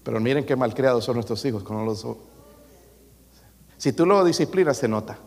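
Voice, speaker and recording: A man's voice: mid-range voice, lively intonation, a little fast, darkish tone, slightly rough, in a large hall. A man preaching as a pastor, emphatic and joking, acting out quotes. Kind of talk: sermon.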